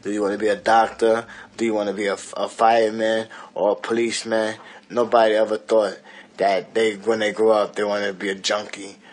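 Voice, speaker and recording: A man in his forties talking to a close camera in a small apartment, halting with many restarts and fillers. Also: lowish voice, level tone. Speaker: interviewee. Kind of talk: casual talk to camera.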